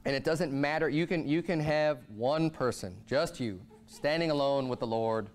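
A pastor in his thirties delivers an animated sermon from the pulpit of a church sanctuary, his voice rising and falling a great deal as he presses home his points. His voice is a little high and he speaks at a moderate pace.

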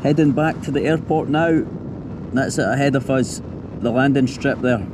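A man's voice: mid-range voice, normal speed. A Scottish man vlogging enthusiastically from a helicopter, talking straight to his viewers. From Scotland. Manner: enthusiastic, addresses viewers directly. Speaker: travel vlogger. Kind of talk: casual vlog narration. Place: helicopter over a lake, then outdoors at an airstrip. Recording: loud engine and outdoor noise.

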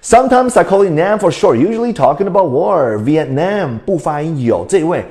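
Lively bilingual male English teacher. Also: high-pitched, a little fast. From Canada. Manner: lively, mixes Mandarin and English, quizzes viewers. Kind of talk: livestream English lesson.

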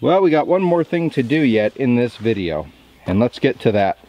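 A man's voice: mid-range voice, big pitch swings, normal speed, dark tone. A man in his thirties, a sawmill operator, casually explaining his work in an outdoor how-to vlog, recorded on a camera mic in a field. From southern Indiana.

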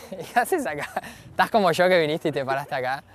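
Cheeky Argentine prankster, higher voice. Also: male voice, animated, brisk, a little hiss or hum. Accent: Argentine Spanish. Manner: brash, teasing, cheeky. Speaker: street prankster host. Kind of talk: street prank banter. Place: outdoor city park.

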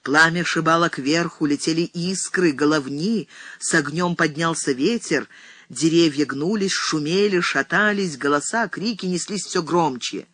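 A woman narrating a historical novel for an audiobook in an even, deliberate reading voice. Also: sits low, dry recording. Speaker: audiobook reader.

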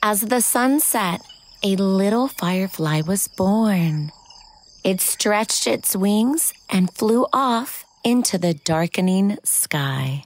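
A woman reading a picture book aloud as expressive children's narration, with exaggerated cartoon-like intonation. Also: medium pitch, takes it slowly.

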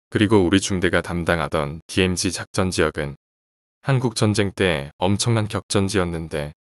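A man calmly reading out horror stories in an even, casual storytelling way. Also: sits low, no room sound, studio quality. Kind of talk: scripted horror story narration.

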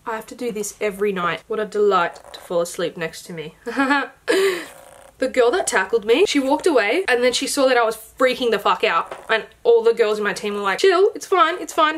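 A young Australian woman talking to her camera in a casual, excitable vlog update, swearing freely. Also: on the high side. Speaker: vlogger.

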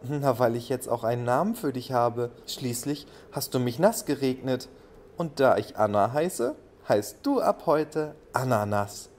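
A man voicing a shy, kind little schoolgirl who is new in town, speaking quietly, in a children's bedtime audio play. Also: medium pitch, expressive, a little slow, close to an everyday voice. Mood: cheerful.

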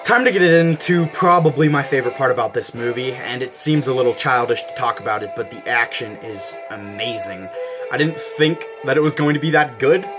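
A man's voice: medium pitch, fairly quick, rough recording. Gushing young man reviewing a film. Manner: gushing, enthusiastic, frequent "like" fillers. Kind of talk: casual movie review. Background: background music.

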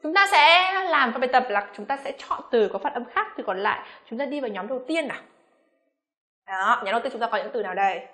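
Woman, pronunciation teacher, bright slightly high voice, quizzes the class and models each word slowly. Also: expressive. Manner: addresses learners as "các em", frequent rhetorical questions; slows down to model English words slowly. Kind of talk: classroom-style pronunciation lesson.

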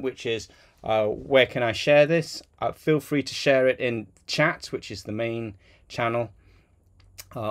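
A man chairing an online community call in a chatty way, with many fillers, over a video call mic. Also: medium pitch. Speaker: meeting chair.

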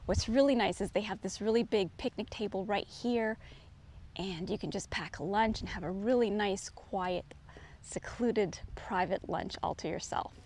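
Walking an outdoor forest trail, this middle-aged woman vlogger keeps up a relaxed, descriptive narration and points things out along the way. She has a mid-range, slightly mellow voice at a normal speed. A handheld camera, frequently held at a distance, records her amid faint outdoor sounds.

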